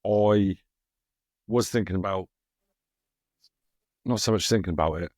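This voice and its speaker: Deep-voiced man hosting a quiz. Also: unhurried, darkish tone, no room sound. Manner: asks quiz questions, laughs easily. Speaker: podcast host running a quiz. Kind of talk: casual chat.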